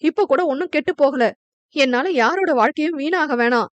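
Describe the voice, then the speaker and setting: A woman's voice: high voice, moderate pace, no echo, highs cut off, close to an everyday voice. A woman voicing a hurt young bride speaking through tears of reproach. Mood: tearful. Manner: wounded, tearful reproach.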